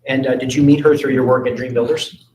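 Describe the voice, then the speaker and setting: A man working as an attorney, questioning a witness in a courtroom in a brisk, methodical way. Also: mid-range voice, steady tone, darkish tone, far from the mic, slight background noise. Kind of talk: courtroom examination. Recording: roomy courtroom audio from afar.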